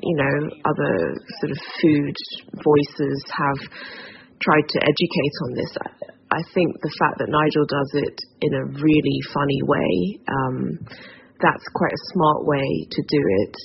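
Female food writer, monotone, careful and hesitant. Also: low-pitched, unhurried, gravelly, dull audio, slight background noise. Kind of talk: interview answers.

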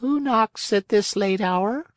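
A reader voicing a calm, unhurried female snail in a storybook, speaking high and slow in a peaceful way. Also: no echo, clean studio sound, close to an everyday voice. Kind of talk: storybook character voice.

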